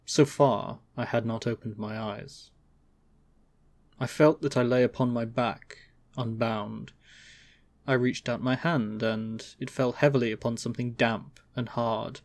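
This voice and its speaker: A man giving a theatrical dramatic reading of a gothic horror story as narrator, with emphatic swells and drawn-out phrases. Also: mid-range voice, steady tone.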